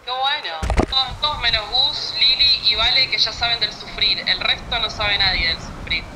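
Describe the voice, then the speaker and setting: A woman's voice: a little high, moderate pace. A young woman with an Argentine accent greeting people on a video call, cheerful and teasing. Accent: Argentine Spanish. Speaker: nutritionist. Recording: video call heard from a phone speaker with noise.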